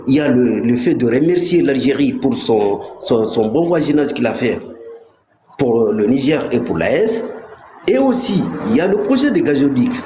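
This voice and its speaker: A man's voice: mid-range voice, dark tone. Emphatic man in an echoey room. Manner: emphatic and insistent. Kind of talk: live political commentary. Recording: echoey room with faint noise.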